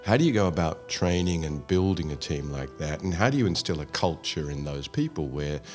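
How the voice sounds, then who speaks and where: A man's voice: very deep voice, lively intonation, fairly quick, darkish tone, soft background music. A man hosting an interview, asking long rambling questions with anecdotes. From Australia. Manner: rambling, talks through anecdotes. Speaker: host.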